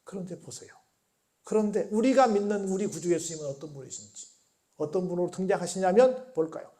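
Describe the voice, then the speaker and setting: A male pastor preaching a midweek church sermon, often asking the congregation questions and swinging between soft, low tones and raised exclamations. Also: fairly quick. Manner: asks the congregation frequent rhetorical questions.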